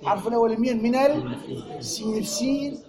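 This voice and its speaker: A man's voice: very high-pitched, quick pace, a crowd in the background. A man with an Iraqi Arabic accent teaching a grammar lesson to a class, drilling students with repeated questions. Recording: echoey room, class audible.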